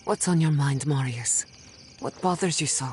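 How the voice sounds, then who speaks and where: An actress playing a determined adventurer companion in a fantasy video game, speaking in a measured, resolute way. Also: female voice, deep voice, darkish tone, faint music behind, lightly acted.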